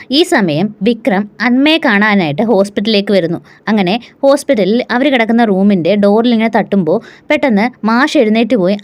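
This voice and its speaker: Woman retelling a serial episode. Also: fairly high pitch. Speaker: storyteller recapping a serial. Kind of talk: casual story retelling.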